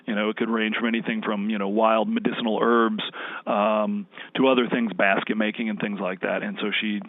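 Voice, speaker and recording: Low, gravelly man on a phone-like line. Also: level tone, fairly quick, dry recording. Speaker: interviewee. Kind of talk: unscripted interview talk. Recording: tinny, dry phone-like line.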